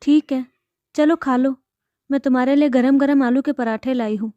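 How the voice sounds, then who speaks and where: A woman voicing a caring, worried middle-aged mother, soothing and gently coaxing. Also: high-pitched, fairly even intonation, normal speed, no echo, muffled recording, lightly acted.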